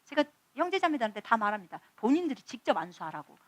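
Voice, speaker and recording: A woman missionary giving a testimony sermon, her high voice leaping up and down as she tells her stories. She acts out each conversation with animation, close to the mic in a dry, dead room. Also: fast, dry recording. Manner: animated storytelling, acting out dialogue. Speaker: missionary preacher.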